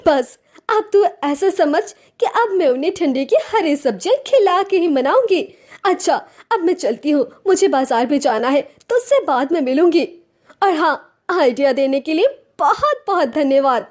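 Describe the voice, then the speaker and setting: A woman's voice: high-pitched, animated, normal speed, darkish tone. A woman doing an earnest young wife. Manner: earnest, pleading.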